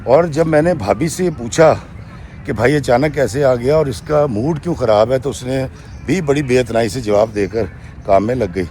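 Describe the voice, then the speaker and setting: A man's voice: medium pitch, warm tone, a little hiss or hum. A man narrating a true story to his viewers, retelling a woman's account in her own words and often adding "she says", and sometimes calling his listeners friends. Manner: addresses listeners directly as friends.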